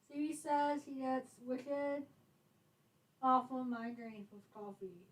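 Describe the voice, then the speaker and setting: Woman co-host, high voice, giggly and mischievous, casual chat. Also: slow, poor audio. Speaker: co-host of a writing livestream.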